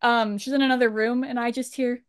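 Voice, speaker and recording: A woman's voice: a little high, fairly even intonation, brisk, smooth, dry recording, studio quality. A woman guesting on a casual fan podcast, opinionated and emphatic.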